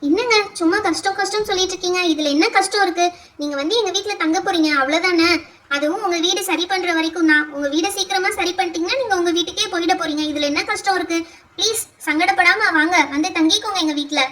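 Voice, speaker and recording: A generous neighbour mother in a doll play insists and reassures, as a woman voices her. The voice is very high, bright and sharp, with firm, friendly persistence. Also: quick pace, distant mic. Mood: reassuring. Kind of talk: doll pretend-play voice acting.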